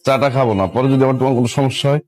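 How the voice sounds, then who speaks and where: A man's voice: medium pitch, fairly even intonation, racing, darkish tone, lightly acted. An actor playing a possessive young boyfriend who questions his girlfriend with demanding, accusing words. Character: possessive young man, jealous and hot-tempered. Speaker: jealous boyfriend. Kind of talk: Bangla TV drama acting.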